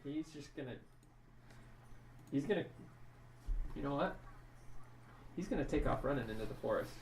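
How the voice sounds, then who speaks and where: A man's voice: mid-range voice, animated, moderate pace. A man running a tabletop game as dungeon master, narrating the action in a loose, descriptive way. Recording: echoey room mic from a distance, noisy.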